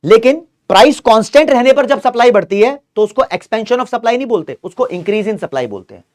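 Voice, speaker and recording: A man's voice: very high voice, lively intonation, moderate pace, a little mellow. A male commerce teacher giving an online exam-revision lecture, explaining step by step, repeating key terms and often checking in with students.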